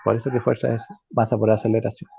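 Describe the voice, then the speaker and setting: A man's voice: lowish voice, little pitch movement, gravelly, lo-fi sound, slight background noise. A man teaching an online physics lesson, explaining step by step with frequent fillers and tag questions to check the class follows. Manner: halting, with frequent fillers and self-corrections.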